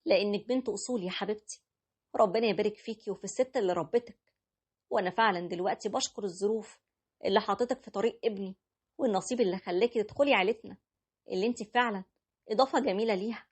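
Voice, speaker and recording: A woman voicing an older mother-in-law near retirement, speaking warmly to her daughter-in-law. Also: medium pitch, very fast, slightly rough, close to an everyday voice. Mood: tender. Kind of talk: storytelling with character voices.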